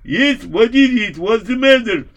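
A man's voice: extremely high pitch, expressive, measured pace, a bit bright, dull audio, pitched above the performer's own voice, heavily acted. Man doing a nervous obedient servant. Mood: attentive.

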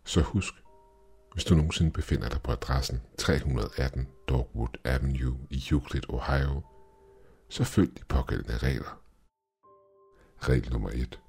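Very deep-voiced male storyteller. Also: a little mellow, breathy edge. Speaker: narrator. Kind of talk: first-person horror story narration.

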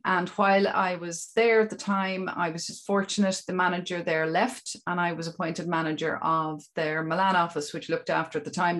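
Irish woman, interview guest, just chatting casually, normal mid pitch. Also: fairly bright tone. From Dún Laoghaire, Ireland. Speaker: interview guest, business owner.

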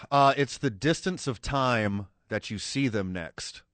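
A man's voice: mid-range voice, measured pace, fairly bright tone, no room sound. A man from Milwaukee co-hosting a radio show, chatting in a dry, teasing way. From Milwaukee, USA. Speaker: radio co-host. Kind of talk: casual radio banter.

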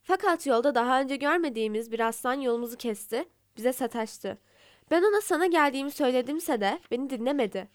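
A woman's voice: high voice, lively intonation, fast talker, dry recording, clean studio sound. A woman doing a clever little hare. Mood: pleading. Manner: pleading, cunning. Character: small clever brave hare.

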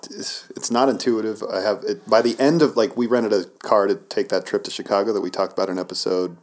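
A man's voice: on the low side, steady tone, fast, a little mellow. A man co-hosting a podcast in casual chat with dry, teasing banter, recorded in an echoey office. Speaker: podcast co-host. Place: office, indoors.

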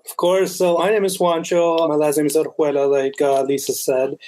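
A man's voice: fairly high pitch, flat delivery, moderate pace, darkish tone, a little hiss or hum, poor audio. A man in his twenties from Colombia, a veterinary student guest speaking earnestly with many fillers and restarts. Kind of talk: casual interview.

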